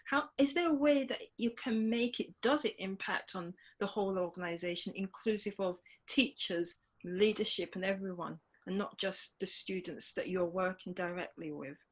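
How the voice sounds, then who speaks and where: Woman host, moderating an online panel, encouraging and curious. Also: medium pitch. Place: home, online video call.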